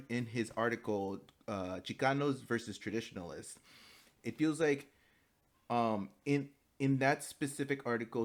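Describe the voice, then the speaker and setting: A young American man, a student, gives a spoken class presentation in a halting way, with many fillers and restarts. At times he switches into fluent Spanish. His voice is medium in pitch.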